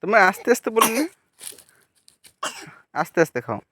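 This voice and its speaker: A young woman, a mother, chatting gently and coaxingly with her small child while filming on a walk outdoors. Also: mid-range voice, very animated, normal speed, a little hiss or hum. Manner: gentle, coaxing, speaks softly to a toddler. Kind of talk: casual chat with a small child.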